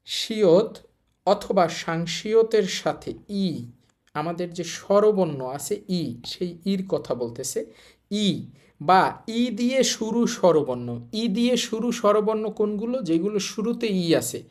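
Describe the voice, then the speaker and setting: A man teaching a recorded online language lesson, patiently restating each rule with emphasis. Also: on the high side. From Bangladesh.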